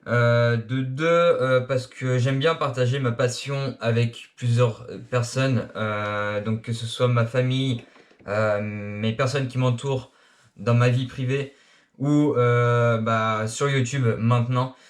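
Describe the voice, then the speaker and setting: Young male RC YouTuber from France, late teens, halting casual delivery, average pitch. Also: steady tone. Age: young adult. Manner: hesitant, many filler sounds. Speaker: RC hobby YouTuber. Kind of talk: casual self-introduction. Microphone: action camera.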